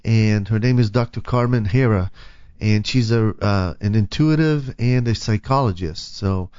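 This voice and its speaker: A man's voice: on the low side, measured pace, darkish tone, clear, resonant tone, no echo. Male radio host, easygoing and conversational, dry dull studio sound. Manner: easygoing, brief affirmations. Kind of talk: radio talk show chat.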